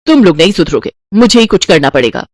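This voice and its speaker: A woman's voice: lowish voice, big pitch swings, fast talker, dry recording, clean studio sound. A woman voicing a stingy, scheming old mother-in-law in a cartoon, with a scolding, penny-pinching manner.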